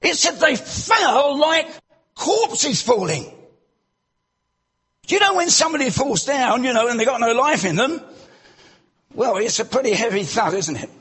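A male preacher gives a church sermon in an unusually high, very husky voice. His pitch swings widely, climbing for loud exclamations and sinking low for rhetorical questions to the congregation, and he speaks unhurriedly with long pauses.

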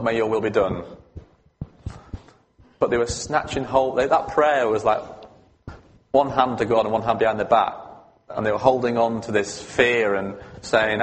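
A man preaching a sermon in a church, talking in a conversational but emphatic way and asking his listeners questions. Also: mid-range voice. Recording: long hall reverb.

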